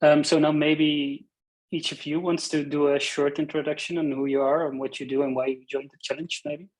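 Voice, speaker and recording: A man's voice: fairly high pitch, level tone, moderate pace, poor audio. A man moderating a video call, introducing the speaker and politely inviting the others to introduce themselves. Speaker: session moderator.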